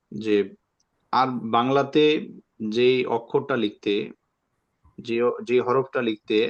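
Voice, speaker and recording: A man with a medium-pitched voice teaches an online Quran reading class, patiently explaining and repeating each letter sound so students can copy it. The audio is lo-fi.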